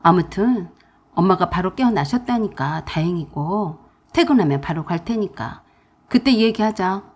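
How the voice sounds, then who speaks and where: A woman's voice: on the low side, animated, moderate pace, slightly rough. A woman voicing a blunt husband who cuts his sister short, in a radio drama. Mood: curt. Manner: curt, dismissive. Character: blunt, stern middle-aged husband.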